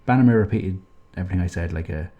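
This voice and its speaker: Deep-voiced young man hosting a podcast. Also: quick pace, narrow, tinny audio. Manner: teasing, steers the talk back on topic. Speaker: podcast co-host. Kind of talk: casual gaming podcast banter.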